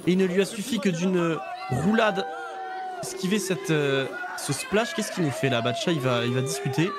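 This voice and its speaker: A man's voice: on the high side, moderate pace. A man giving live wrestling commentary, explaining the action in colloquial, argumentative terms. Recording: music and crowd noise behind. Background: music and wrestling crowd.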